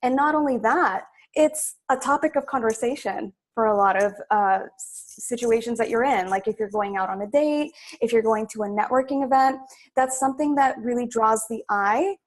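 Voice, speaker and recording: Chatty higher-voiced woman stylist guest. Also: moderate pace. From Sudan. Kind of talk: casual interview.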